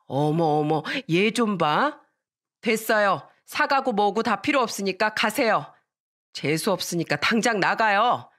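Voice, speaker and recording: A woman's voice: mid-range voice, animated, measured pace, a bit bright. A woman voicing a haughty neighbor mother who scolds sharply and dismissively. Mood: scornful scolding.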